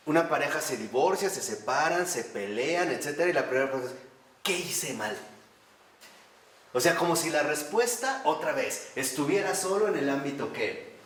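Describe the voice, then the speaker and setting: A man giving a spiritual lecture to a class, animated, asking rhetorical questions and answering them himself. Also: a little high, a little hiss or hum. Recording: roomy echo from a distant mic.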